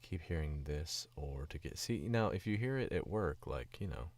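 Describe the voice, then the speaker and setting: Very deep and expressive, this sick man's voice has dropped lower, and he speaks at a moderate pace with no room sound. He's a Southern US voice actor with a Southern accent, chatting casually on stream. Distracted and rambling, he chuckles frequently.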